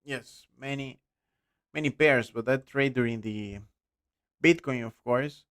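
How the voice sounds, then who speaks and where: A Costa Rican man with a smooth, clear voice, speaking English as a second language while he hosts a live trading stream. He reads viewer questions aloud and answers them bluntly, often letting his voice drop away at the end of a phrase. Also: mid-range voice, a little slow, a bit bright. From Costa Rica. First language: Spanish. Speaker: trading livestream host.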